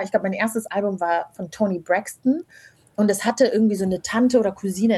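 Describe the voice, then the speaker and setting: Her mid-range voice is mellow with a breathy edge as she chats informally and reflectively about her own life in an interview. She's in her thirties, Rwandan-born, and spent her childhood from age ten in small-town Germany.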